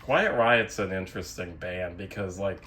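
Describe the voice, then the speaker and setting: With a low voice, sharp tone, and moderate pace, this young adult host of a physical media collecting channel rambles through a relaxed show-and-tell. He mocks himself, speaks sardonically, and swears casually, over a faint hiss or hum.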